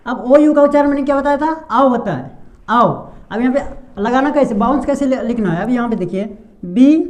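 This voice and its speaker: Teaching English pronunciation in Hindi at a board, this young man often asks a question only to answer it himself, and he repeats the key sounds. His pitch is extremely high, with a darkish tone.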